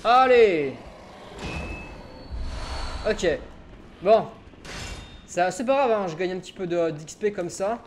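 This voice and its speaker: A man's voice: sits high, moderate pace, pauses often, darkish tone, a little hiss or hum. A man in his twenties giving casual, chatty gameplay commentary as a let's player, joking and laughing often. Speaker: let's play gamer. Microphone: home streaming mic setup.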